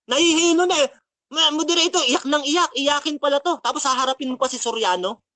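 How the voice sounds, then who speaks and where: Male debater, high-pitched, dry close sound; taunting, scripture-quoting rebuttal. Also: a little fast, bright, forceful tone, no echo. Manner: taunting, mocking, quotes scripture constantly. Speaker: religious debater.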